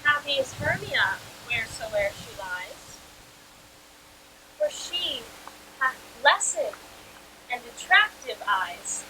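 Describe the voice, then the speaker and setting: A woman's voice: high-pitched, very animated, takes it slowly, pauses often, noisy background, full character voice. A teenage girl acting a hurt, spurned young woman in Shakespearean verse, earnest and reproachful. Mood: wistful. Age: teens. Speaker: stage actor.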